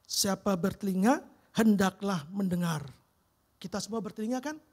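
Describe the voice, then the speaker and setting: Man, middle-aged, preacher, church sermon with personal testimony, lively storyteller, husky voice. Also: high-pitched, moderate pace. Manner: lively storytelling, calls the audience "Bro". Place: church sanctuary.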